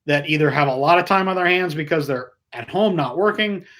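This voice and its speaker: A man's voice: on the high side, fairly quick, a bit bright. A man hosting a casual live stream, chatting in a rambling way and greeting viewers by name as he goes.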